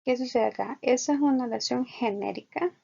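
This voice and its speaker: A woman teaching an online English lesson, explaining patiently and repeating example sentences slowly. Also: on the high side, gravelly, dark tone, husky. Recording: dull lo-fi recording.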